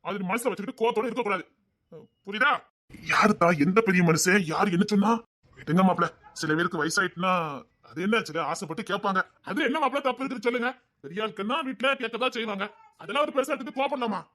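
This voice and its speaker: A man with a Tirunelveli Tamil accent performing a comic family sketch, trading teasing banter between relatives. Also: fast. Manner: teasing banter, jumping between high and hushed lines.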